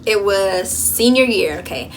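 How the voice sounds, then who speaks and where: A young woman vlogging in a college dorm room, chatting casually and telling an animated story full of fillers. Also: medium pitch, a little slow, slight background noise. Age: young adult. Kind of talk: casual chat.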